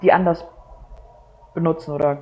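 A woman's voice: sits low, normal speed, slight background noise. A young woman with a Croatian family background, a guest telling anecdotes animatedly, often laughing and acting out dialogue. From Germany, Croatian family. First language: Croatian heritage speaker. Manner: animated storyteller, laughs often, acts out quotes. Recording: slightly dull lo-fi audio.

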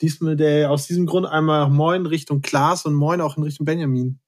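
A man's voice: fairly high pitch, fairly even intonation, a little fast. A man hosting a podcast, moderating casually and welcoming guests. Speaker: podcast host.

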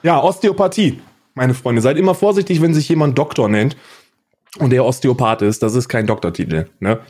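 Rauer mann im lockeren politik-podcast, redet derb und spöttisch. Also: male voice, mid-range voice, fairly quick, a little mellow, husky. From Switzerland. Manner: crude, sarcastic, emphatic. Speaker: podcast co-host. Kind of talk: casual political chat. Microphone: remote audio call setup.

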